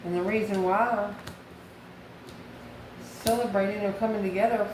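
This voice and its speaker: Her voice sits at a medium pitch with fairly even intonation and a moderate pace. The American woman is a tarot reader doing an offhand, casual reading, wondering aloud and supplying her own answers, captured in an echoey space with clear background noise.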